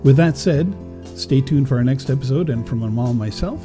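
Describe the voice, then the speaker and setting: A man's voice: mid-range voice, a little fast. A man co-hosting a podcast, delivering a sign-off announcement. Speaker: podcast co-host. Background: plucked guitar music.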